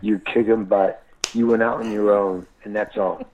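A man phoning into a radio show, his voice fairly low and squeezed thin through a crackly, tinny cell phone line that keeps breaking up. He rambles along, cursing freely and stumbling over his words. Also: flat delivery, moderate pace. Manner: profane, stammering with many restarts. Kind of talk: rambling live call-in chat.

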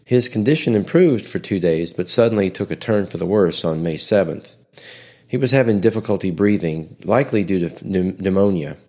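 A man's voice: deep voice, lively intonation, normal speed, darkish tone. A man hosting a history podcast, reading a scripted narration steadily, with small slips and restarts.

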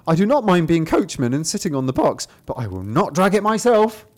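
Guy putting on a bossy little rooster, high and squawky, loud and bouncy. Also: sing-song, brisk. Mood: indignant. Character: boastful bossy male cock.

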